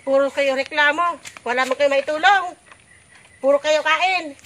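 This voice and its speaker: A woman's voice: high voice, steady tone, normal speed, pushed and bright, slight background noise. A woman playing an overworked, exasperated village mother in a drama, kvetching and nagging in long repetitive complaints. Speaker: actor in an amateur short film. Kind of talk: naturalistic family drama acting.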